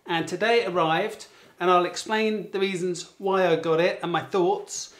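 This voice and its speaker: A man's voice: sits high, fairly even intonation, moderate pace. A man with a British accent casually chatting through a tech unboxing at home, wandering and restarting his sentences. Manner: chatty, meandering, restarts phrases. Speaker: tech reviewer.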